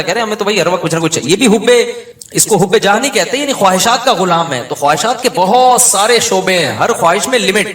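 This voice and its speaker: A man's voice: sits high, fairly bright tone. A man giving a conversational religious lecture, telling stories and acting out the people he quotes. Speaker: Islamic scholar giving a talk. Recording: echoey hall.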